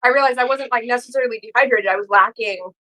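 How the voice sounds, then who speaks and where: A woman's voice: fairly high pitch, fast talker, pushed and bright, poor audio. A woman co-hosting a podcast in casual chat, telling stories earnestly and emphatically. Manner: earnest, emphatic, rambling storytelling. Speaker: podcast co-host.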